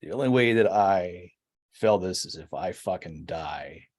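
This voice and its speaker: Husky, low-voiced man in his forties. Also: animated, a little slow, darkish tone. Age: 40s. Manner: reflective, hesitant, many fillers. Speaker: podcast guest. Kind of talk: casual storytelling.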